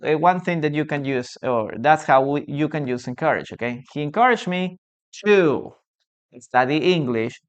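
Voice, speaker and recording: A teacher from Peru giving a live bilingual English lesson, drilling words slowly and checking in with "okay?" again and again. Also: mid-range voice, clean tone. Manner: slow drilled pronunciation with frequent "okay?" checks. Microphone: phone or computer mic for a live stream.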